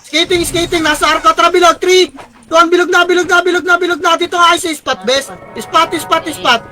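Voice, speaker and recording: A young man with a very high voice leads his guild over voice chat during a live game. He barks short orders again and again, counts down pushes and swears often. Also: fairly even intonation, sharp tone, soft background music. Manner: rapid repeated commands, frequent cursing. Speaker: guild shot caller.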